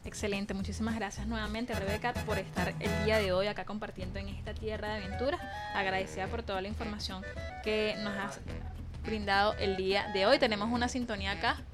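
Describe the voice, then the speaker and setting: A Venezuelan woman hosting a radio show, signing off with brisk on-air patter. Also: medium pitch, flat delivery, over music. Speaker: radio host.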